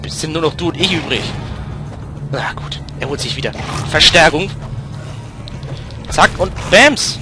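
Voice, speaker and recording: A young man hosting a let's play, talking in slangy commentary that drops to mumbles and bursts into loud shouts during fights. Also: fairly high pitch, normal speed, over music.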